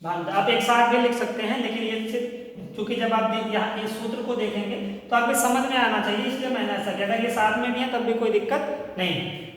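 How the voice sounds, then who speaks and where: A man's voice: very high-pitched, fairly even intonation, a little fast, a bit bright. Echoey male teacher explaining at board. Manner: explains step by step, keeps checking in with "ठीक" and questions to pupils. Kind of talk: Hindi grammar lesson. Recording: echoey room from far off.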